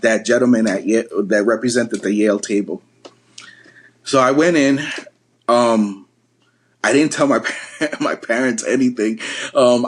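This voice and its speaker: A man's voice: medium pitch, breathy edge. A middle-aged man from the Bronx, a podcast guest, telling a story from his youth in a rambling way, with many ums and restarts. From the Bronx, New York. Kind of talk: storytelling in casual conversation.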